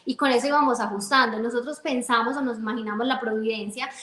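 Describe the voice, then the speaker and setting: Chatty woman, slightly high, echoey room. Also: fairly even intonation, fast talker, fairly bright tone. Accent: Colombian Spanish. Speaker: guest sharing faith testimony. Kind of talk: personal testimony storytelling. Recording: roomy echo.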